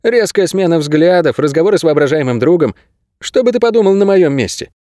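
Man doing a sharp, high-voiced young prisoner. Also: expressive, fairly quick, dry recording, studio quality, close to an everyday voice. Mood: wary, blunt. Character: wary young male prisoner, blunt. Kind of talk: audiobook character voice.

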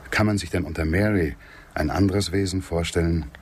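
An actor playing a courteous, gallant frontiersman of the Old West in intimate radio drama dialogue, polite, measured and gently wry. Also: sits low, slightly rough. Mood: gently teasing.

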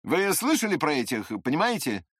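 A reader voicing a feverish, muddled nobleman in an audiobook, speaking in halting, rambling phrases. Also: on the high side, very animated, a bit bright, slightly rough, no echo, studio quality, exaggerated voice.

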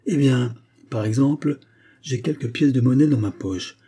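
A man reading an audiobook, voicing an excitable, curious man questioning a spirit. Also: mid-range voice, normal speed, husky, close to an everyday voice. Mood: excited. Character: excitable, curious male séance guest.

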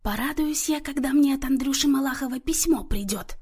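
A hoarse older widow, as a woman reader puts her on, sharp-tongued and fussy over details. Her husky voice rises high and roams widely in an audiobook scene. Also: expressive, a little fast. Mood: pedantic. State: hoarse from laryngitis.

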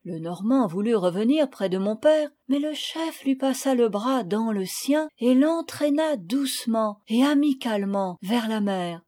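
A woman reading a children's novel aloud, with calm, measured storytelling that rises in dramatic moments. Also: on the high side. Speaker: audiobook reader. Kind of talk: scripted narration.

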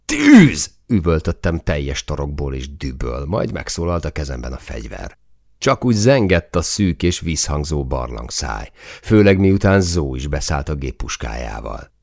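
A man reading a first-person audiobook in a tense manner, rising to shouts in the dialogue. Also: extremely low pitch, lively intonation, vocal fry, dry recording, studio quality. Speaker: audiobook narrator.

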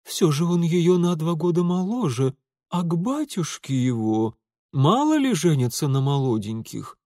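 A man's voice: on the high side, sing-song, unhurried, a little mellow, no echo, clean studio sound, voice pushed up. A man doing a feeble moaning noble mother. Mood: plaintive. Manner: feeble, plaintive, dying voice.

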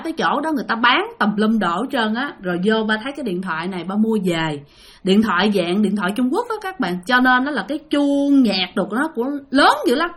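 A woman's voice: a little high, a bit bright. A woman with a Southern Vietnamese accent, chatting to listeners as she retells ghost stories they sent in. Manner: chatty, addresses listeners directly. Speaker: storyteller.

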